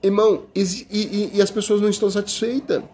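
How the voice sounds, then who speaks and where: A man's voice: high voice, fairly even intonation, fast, darkish tone, slight background noise. A middle-aged Brazilian man preaching an informal sermon in a conversational way, often calling listeners brother, with many restarts. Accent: Brazilian Portuguese.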